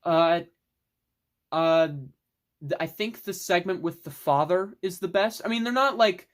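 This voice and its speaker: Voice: medium pitch, measured pace. A young adult vlogger giving a casual, rambling film review monologue, enthusiastic, with mild swearing.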